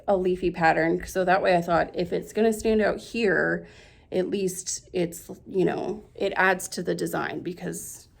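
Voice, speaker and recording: Chatty woman with a gravelly edge. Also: mid-range voice, darkish tone. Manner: chatty and self-deprecating, many ums and restarts. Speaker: quilting and cross-stitch channel host. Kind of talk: casual chat.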